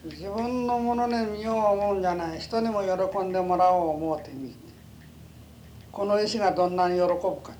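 High-voiced old man, western Japanese dialect. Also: brisk, darkish tone. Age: older. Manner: opinionated, folksy elder speaking emphatically. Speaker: oral history interviewee, stone collector. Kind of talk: conversational reminiscence. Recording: noisy amateur interview tape.

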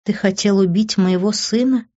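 A woman's voice: mid-range voice, moderate pace, mellow, muffled recording, voice pushed up, natural voice. Distressed middle-aged mother, read by a woman, exclaiming, audiobook. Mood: quiet. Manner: pleading, exclaiming.

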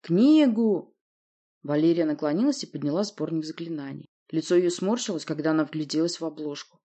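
Audiobook reader, woman, husky darkish voice, steady narration. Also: sits low, quick pace. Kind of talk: scripted first-person narration.

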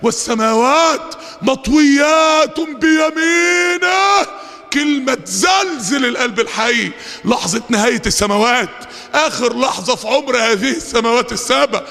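A fiery Egyptian preacher gives a Friday sermon in a high, bright voice with a gravelly edge, Egyptian Arabic accent, and lively intonation. He races briskly through asides, then draws out verses in a shouting chant, his words ringing with the long reverb of a big hall.

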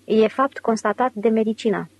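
A woman's voice: a little high, rough recording. A woman reading the part of a brash, scheming male con man in an audiobook, with a mocking, argumentative way of talking.

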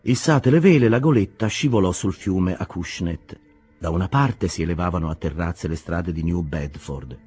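A man narrating a classic novel as an audiobook in an expressive reading that swells in the action passages. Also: sits low.

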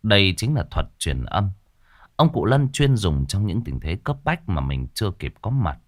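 A man reading a ghost story aloud in a dramatic, expressive style. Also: fairly low pitch, normal speed, no room sound. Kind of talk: scripted horror story narration. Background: faint background music.

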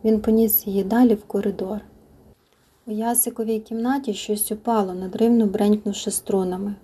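A woman narrating a novel as an audiobook, soft and intimate, sometimes sinking into a whisper. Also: medium pitch, steady tone, moderate pace, slightly rough.

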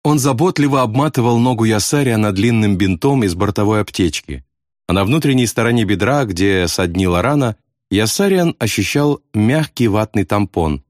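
A man reading a novel aloud with dramatic, expressive narration. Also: lowish voice, normal speed, no echo, clean studio sound. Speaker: audiobook narrator. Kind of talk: scripted narration.

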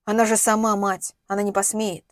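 Woman reading an unsure, calming male friend. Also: mid-range voice, brisk, no room sound, studio quality, lightly acted. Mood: uneasy. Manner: hesitant, calming. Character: unsure male friend, middle-aged businessman.

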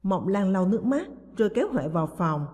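A woman narrating a novel as an audiobook in a steady, even storytelling manner. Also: medium pitch, brisk. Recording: long hall reverb.

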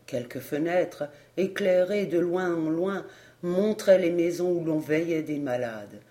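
A reader narrating a nineteenth-century novel in a measured, solemn way, as an audiobook. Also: medium pitch, mellow.

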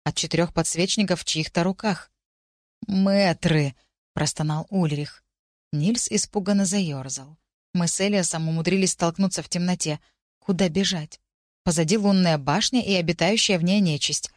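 Low-voiced woman narrating a story. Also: normal speed, no echo, clean studio sound. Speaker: audiobook narrator. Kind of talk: scripted first-person narration.

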